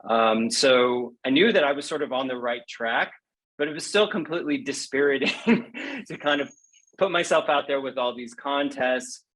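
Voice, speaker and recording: The recording quality is low, but this man's mid-range voice comes through at a moderate pace. He's a guest poet answering interview questions candidly and conversationally, poking fun at himself and animatedly retelling stories with quoted asides.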